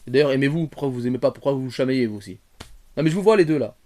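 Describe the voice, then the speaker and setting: A man rambles through an unscripted film review, restarting his sentences and padding them with fillers. He speaks directly to his viewers, moving from quiet muttered asides to sudden loud exclamations. His pitch sits right in the middle for a man. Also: rapid-fire. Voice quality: bearded. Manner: animated, swings from soft asides to loud outbursts. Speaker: retrogaming YouTuber.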